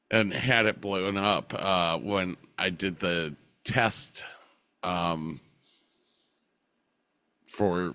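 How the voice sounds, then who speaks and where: A man with a blocked-up nose, chatting casually and haltingly as a podcast co-host. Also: deep voice, sharp tone, dry recording. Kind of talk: casual chat.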